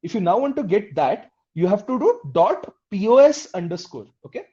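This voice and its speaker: A very animated instructor with a mellow, medium-pitched voice teaches a live online coding class at normal speed, going step by step. Questions go directly to the class, with frequent "okay?" and "right?" check-ins, and the sound is dull, muffled and lo-fi.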